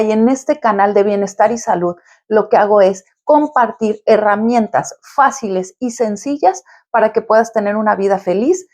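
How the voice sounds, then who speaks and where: Woman therapist, higher register, talks viewers through advice step by step, encouraging. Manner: warm, encouraging, explains step by step. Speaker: quantum therapist. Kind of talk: advice video addressed to the viewer.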